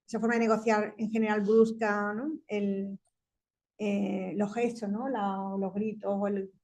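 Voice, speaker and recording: A tech company executive in her fifties, a woman with a Spanish accent and a medium-pitched voice, speaks on a panel discussion. She is animated and quick, laughs often, and restarts her sentences.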